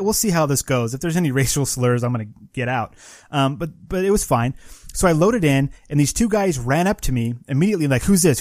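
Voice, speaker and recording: A man's voice: on the high side, a little mellow, no echo, studio quality. A man co-hosting a gaming podcast, telling a long story in casual chat and acting out the other players' lines. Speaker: podcast co-host.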